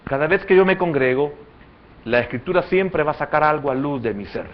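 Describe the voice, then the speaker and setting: Male pastor, Salvadoran accent, sermon, quiet reasoning swelling into fervor, muffled lo-fi sound. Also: lively intonation, fairly quick. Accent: Salvadoran Spanish. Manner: swings between quiet, low reasoning and loud, high fervent passages.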